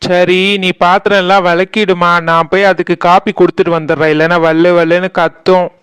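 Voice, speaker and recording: A voice actor playing a cheeky young wife who talks back to her mother-in-law in a cartoon, speaking with a Kanyakumari Tamil accent and making quick, mocking retorts. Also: medium pitch, fairly bright tone, clear, resonant tone, dry recording, natural voice.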